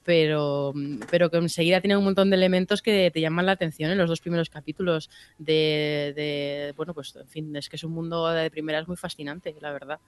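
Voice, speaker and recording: A woman's voice: low voice, fairly even intonation, brisk, clear, resonant tone. A woman from talking in a casual podcast chat, rambling and searching for words. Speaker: podcast co-host.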